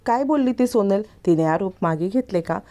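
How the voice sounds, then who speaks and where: A woman's voice: medium pitch, expressive, moderate pace, mellow, pitched above the performer's own voice, close to an everyday voice. A woman voicing a scheming middle-aged woman of the house who talks in an anxious, accusing way.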